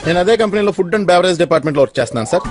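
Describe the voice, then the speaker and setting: A cheeky young man who brags and teases, his voice sitting fairly high. A faint film score hums underneath. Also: lively intonation, very fast. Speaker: comic film character. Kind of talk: film comedy dialogue. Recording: film soundtrack with faint music.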